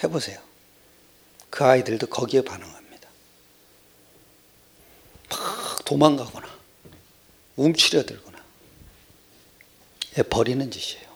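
An older man preaching a sermon in a conversational, rambling way, jumping from loud exclamations to hushed whispered asides. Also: mid-range voice, measured pace, creaky, long pauses, breathy edge.

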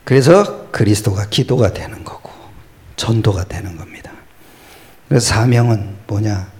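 A man preaching a sermon as pastor, swinging from loud exclamations to hushed whispers and answering his own rhetorical questions. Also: on the low side, moderate pace.

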